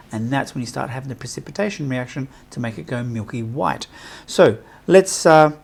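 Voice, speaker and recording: A male chemistry teacher talks students through a lab setup in a relaxed, conversational way. He fills pauses with "um" and "uh" and keeps asking his viewers questions. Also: mid-range voice. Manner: conversational teacher talk with fillers and rhetorical questions. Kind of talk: recorded lesson, explaining lab setup.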